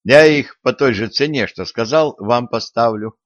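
A man's voice: no echo, lightly acted. A man playing an eager young schemer. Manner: eager, brisk, pitched up. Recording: dry, dull lo-fi audio.

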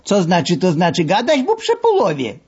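A boisterous old masseur with a barks his playful threats in a raised, husky voice, as a man puts him on. The storybook figure is cheeky and rowdy. The sound is dull and lo-fi. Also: high voice, huge pitch swings, normal speed, a little mellow, pitched above the performer's own voice, exaggerated voice. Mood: mock-threatening. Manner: teasing, threatening in jest. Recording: dull lo-fi recording.

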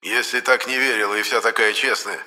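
A man's voice: fairly low pitch, fairly even intonation, brisk, bright, forceful tone, big-room sound, pitched above the performer's own voice. A man voicing a cheeky, streetwise male spirit companion who talks in brash slang.

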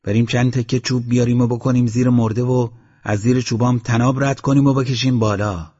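A man reading the lines of a calm older village man who gives advice in an audiobook, on a dull lo-fi recording. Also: mid-range voice, husky, pitched above the performer's own voice, natural voice. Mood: calm advising.

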